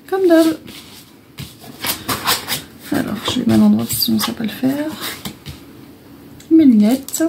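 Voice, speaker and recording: A woman's voice: fairly high pitch, gravelly, noisy background. A woman giving a casual oracle card reading, explaining each card in a repetitive, hesitant way. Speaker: tarot and oracle card reader.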